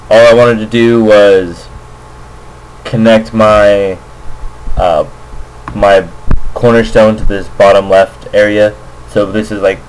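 An amateur Go player offers casual, unscripted game commentary in a fairly low voice, hesitating and thinking aloud as he goes. He records a voice-over indoors at his computer alongside a screen capture, using a makeshift computer microphone. The audio is poor, with slight background noise.

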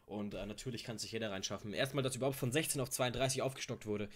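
Excitable German man reacting casually. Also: medium pitch, racing. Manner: excitable, addresses viewers as friends, repeats phrases. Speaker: streamer reacting to rap tracks.

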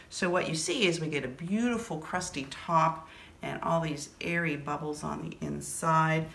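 Middle-aged woman host, low voice, warm chatty cooking demo, roomy kitchen echo. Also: gravelly. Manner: chatty, enthusiastic about food, tasting on camera. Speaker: channel host. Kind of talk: casual cooking demonstration. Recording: echoey room with faint noise.

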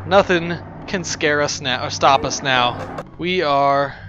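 A man's voice: fairly high pitch, slow, lo-fi sound, over music. A young man from Texas nervously commenting on a horror game, talking to himself and yelping when startled. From Texas, USA. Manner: jittery, talks to himself, yelps and sing-songs when scared. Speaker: gaming YouTuber.

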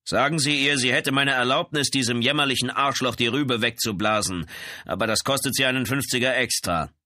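A man's voice: mid-range voice, a little fast, sharp tone, no echo, studio quality, voice pushed up. A man voicing a brutal, mocking police lieutenant in an audiobook, barking orders with a sneer. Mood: mocking commands. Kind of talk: audiobook character voice.

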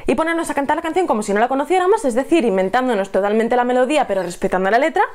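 A woman from leads a singing lesson to camera. Her voice sits a little high, and she explains things in a chatty way, checking in with the viewer as she goes. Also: lively intonation, very fast, darkish tone. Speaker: singing teacher. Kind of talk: tutorial to camera.

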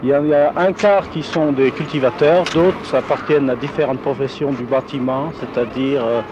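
A man's voice: medium pitch, steady tone, moderate pace. A man who directs a ski school, answering interview questions in a plain, factual, slightly hesitant way. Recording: dull, noisy outdoor archive recording.

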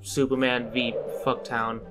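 A man's voice: mid-range voice, level tone, a little slow, music in the background. A young man co-hosting a let's play, joking around, swearing freely and explaining the controls in a casual chat. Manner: joking, swears freely, gives game tips. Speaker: gaming channel co-host.

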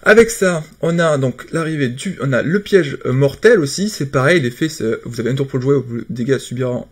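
A man with a slightly husky voice comments on a card game update in a relaxed, casual way. He hesitates a lot and often breaks off and restarts his sentences. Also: medium pitch, brisk. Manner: hesitant, many fillers and restarts. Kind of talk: casual patch-notes commentary.

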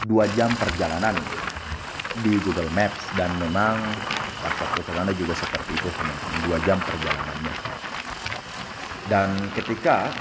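A young man riding a motorbike outdoors, chatting casually to his viewers in a travel vlog, often repeating himself and calling them friends. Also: low voice. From West Java, Indonesia. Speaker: motovlogger. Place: outdoors on a motorbike on a busy road. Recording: loud engine and road noise.

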